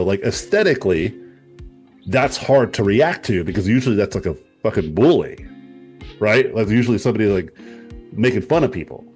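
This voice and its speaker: A man's voice: lowish voice, darkish tone. A man in a casual group discussion, talking in a rambling, reflective way and swearing now and then.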